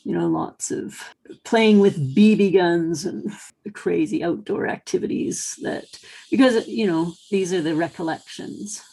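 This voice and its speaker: A woman interviewed about a historic house speaks slowly and hesitantly, stopping to restart her phrases. Her voice is husky and gravelly, low in tone. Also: warm tone. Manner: hesitant, many fillers and restarts. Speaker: executive director of a historic house. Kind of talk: interview recollection.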